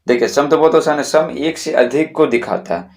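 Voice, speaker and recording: Guy teaching grammar to kids, slow and repetitive, keeps checking you follow. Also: a little high, darkish tone. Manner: slow, repetitive classroom explaining with frequent checks. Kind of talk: explaining school grammar.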